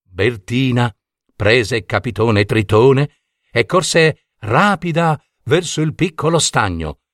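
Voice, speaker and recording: A man narrating a fairy tale in a slow, expressive storyteller style. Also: medium pitch, no echo, studio quality.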